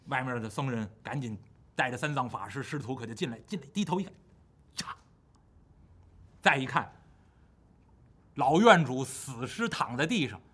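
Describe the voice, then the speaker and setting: Animated male storyteller, lively and high. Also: breathy edge. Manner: animated, dramatic and rhythmic. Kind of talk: traditional Chinese storytelling.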